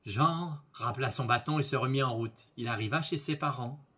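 A man reading a fairy tale aloud in a lively, expressive storytelling manner. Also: mid-range voice, normal speed, husky.

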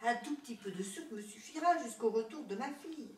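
A woman's voice: a little high, animated, fairly quick, a little mellow, voice pushed up, natural voice. A woman voicing an elderly widowed mother who cries out shrilly in panic. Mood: murmuring. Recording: roomy echo, distant mic.

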